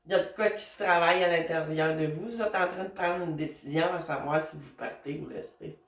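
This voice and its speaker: A woman's voice: low-pitched, brisk. A woman with a Québécois accent doing a casual spiritual card reading, talking to her guides in a chatty, meandering way with many fillers. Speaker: tarot and oracle card reader. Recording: roomy and a bit distant, faint noise.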